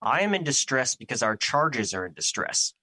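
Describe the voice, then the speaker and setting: Audio drama: male actor as an ancient embodiment of fear, grandiose and troubled, forceful edge, dry recording. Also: medium pitch, very animated, normal speed, slightly rough, no room sound, full character voice. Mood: distressed, indignant. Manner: formal, grandiose, theatrical.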